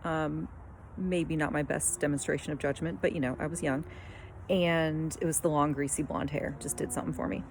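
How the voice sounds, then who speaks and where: Low voiced woman, casual video msg, laughs at herself. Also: steady tone, moderate pace, noisy background.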